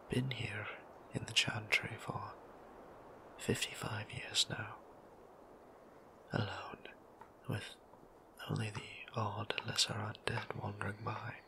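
In a low-quality recording, a man plays a shy, gentle vampire priest centuries old for an intimate ASMR roleplay. His low voice is breathy and whispery, halting and flustered with a stammer, and his genteel, old-fashioned wording carries a tender, wistful mood.

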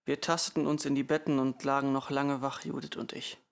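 A man reading a novel aloud in a subdued, measured audiobook narration. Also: medium pitch, little pitch movement, creaky. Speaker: audiobook reader.

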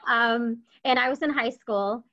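A woman's voice: on the high side, measured pace, bright, forceful tone. A woman in her fifties from Texas, speaking as a panelist on a video call from home, telling her story in an earnest, reflective way. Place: home room, indoors. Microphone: webcam on video call. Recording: dull lo-fi call audio.

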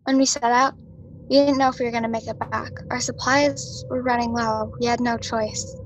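A woman telling a mock-spooky story in a hushed, dramatic way. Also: fairly high pitch, steady tone, moderate pace, over music, rough recording.

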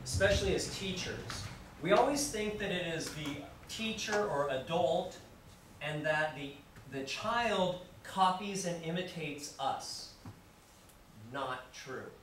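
A man giving a classroom lecture to students, lively and acting out examples as he explains. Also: on the high side, slow. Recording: very echoey room, distant mic, background noise.

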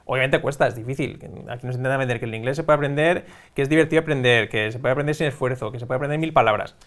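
Male guest from Spain, English teacher, rapid chatty delivery, medium pitch, lots of fillers. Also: a bit bright. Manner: fast, with many fillers and restarts. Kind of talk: conversational interview.

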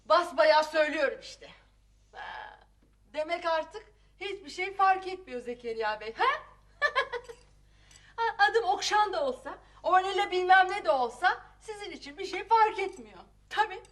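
A sharp-tongued, high-voiced mother. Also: heavy background noise. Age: middle-aged. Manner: scolding, sharp-tongued, flares into shouting. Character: Safiye, fiery middle-aged mother and wife. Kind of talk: TV comedy-drama acting.

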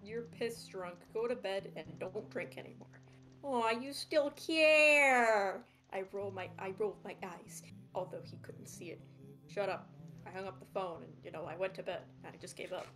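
A woman's voice: medium pitch, steady tone, fairly quick, a little mellow, faint music behind. A woman streamer reading a story aloud, swearing freely and stopping to crack sarcastic jokes.

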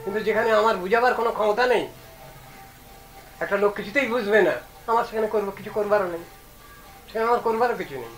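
A man giving an earnest devotional discourse, reasoning aloud and reciting verses slowly. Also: high-pitched, fairly bright tone, soft background music, rough recording. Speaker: religious speaker.

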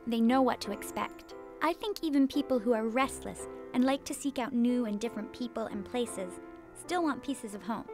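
A woman as a high-voiced, frank puppet office worker. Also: natural voice. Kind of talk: comedic puppet parody dialogue.

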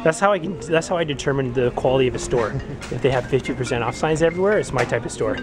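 A man's voice: medium pitch, fast talker, over music, rough recording. A man from Canada vlogging casually with a handheld camera while out shopping in the city, chatty and laughing often. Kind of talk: casual vlog narration. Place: out and about in the city, shops and car.

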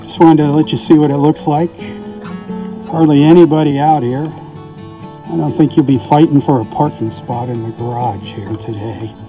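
A man's voice: fairly high pitch, steady tone, moderate pace, music in the background. A man giving a casual, folksy beach report outdoors in the rain, his voice tinny and muffled because the camera sits in a weatherproof housing. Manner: easygoing and folksy, signs off with blessings. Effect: tinny, muffled audio from a camera in a weatherproof housing. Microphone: camera mic inside a weatherproof housing.

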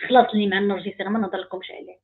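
Moroccan woman coach, rapid emphatic delivery, husky voice, phone-quality sound. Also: medium pitch, little pitch movement. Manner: emphatic, repetitive, rising intensity. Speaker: life coach. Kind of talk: animated online talk.

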